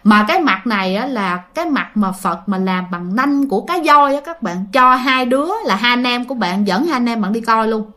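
A woman's voice: fairly high pitch, lively intonation, normal speed, hardly any pauses, a bit bright. A woman voicing a kindly old male spirit healer in a spoken story, in a Southern Vietnamese accent. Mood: reassuring.

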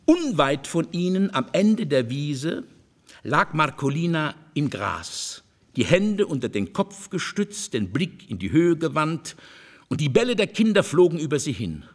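A man narrating classic fiction as an audiobook, measured and expressive. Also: fairly high pitch.

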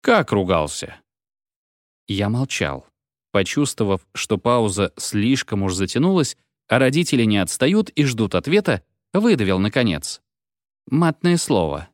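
A man reading a story aloud in an expressive storybook narration. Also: on the low side, normal speed, no room sound, studio quality. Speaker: audiobook reader.

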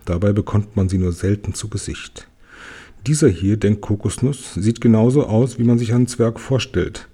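A man calmly reading a children's book aloud, chapter by chapter. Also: fairly low pitch, moderate pace, breathy edge. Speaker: reader.

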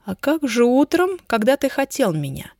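A woman voicing a playful young wife in a raised, lively, teasing tone. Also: a little high, normal speed, no room sound, studio quality, voice pushed up.

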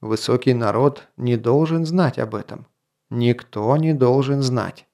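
A man narrating a fantasy audiobook in a measured, even reading. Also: medium pitch, vocal fry. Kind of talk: scripted narration.

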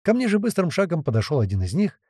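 A man reading an adventure story aloud as a narrator, in a lively storytelling manner. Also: on the high side, quick pace, dry recording, studio quality. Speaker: audiobook narrator. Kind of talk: scripted narration.

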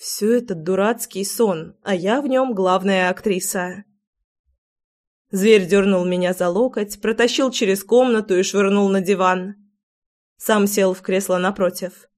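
A woman narrating a first-person audiobook with an expressive, dramatic reading. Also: medium pitch, unhurried.

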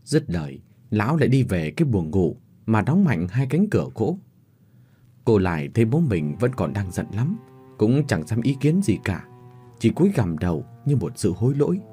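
Low, husky male storyteller. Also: normal speed, soft background music. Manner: expressive, acts out every character. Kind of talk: audiobook story narration.

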